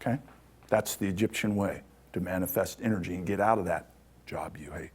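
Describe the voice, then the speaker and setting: A man with a low, slightly fast voice and a breathy edge gives an informal public lecture on ancient Egyptian spirituality to an audience in a hall. He talks conversationally, tacking "okay?" onto his points as he goes.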